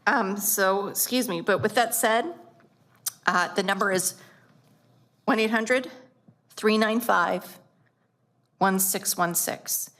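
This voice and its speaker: A woman's voice: mid-range voice, a bit bright. Choked-up earnest woman at a meeting. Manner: earnest, emotional, drawn-out emphasis. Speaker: school board member. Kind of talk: public meeting remarks.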